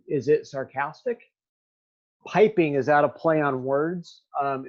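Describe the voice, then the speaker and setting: Halting, um-heavy male teacher, lo-fi sound. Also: medium pitch. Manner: halting, many ums, talking straight to students. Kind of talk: recorded remote lesson.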